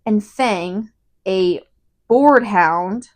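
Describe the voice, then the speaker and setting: A woman co-hosting a casual book review chat, retelling the story in an animated way and saying "like" constantly. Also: medium pitch, drawn-out words. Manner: animated retelling, heavy use of "like". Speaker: podcast co-host.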